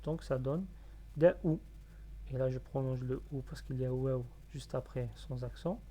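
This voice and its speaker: A man teaching a reading lesson step by step. He is patient, sounding out syllables slowly and repeating them. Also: medium pitch, fairly even intonation, dark tone.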